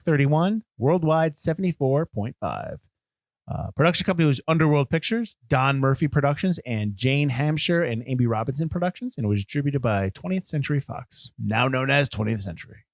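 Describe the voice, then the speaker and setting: Male podcast co-host, teasing and animated, dry close mic. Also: mid-range voice, fairly quick, dry recording. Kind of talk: casual chat.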